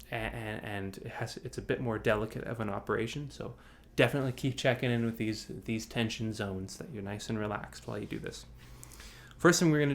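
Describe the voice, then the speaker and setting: Over a video call, a man with a mid-range, slightly bright voice coaches singers online on breath support. He rambles loosely and often starts sentences over. Along the way he sings examples and demonstrates sighs.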